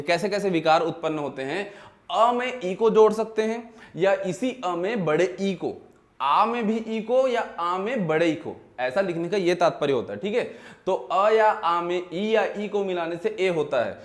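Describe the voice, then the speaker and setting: A man's voice: high-pitched, expressive. A male teacher from Chhattisgarh giving a grammar lecture, asking questions and answering them himself, drawing out words as he explains. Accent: Chhattisgarh Hindi. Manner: asks questions and answers them himself, repeats key terms; slow, drawn-out words when spelling things out.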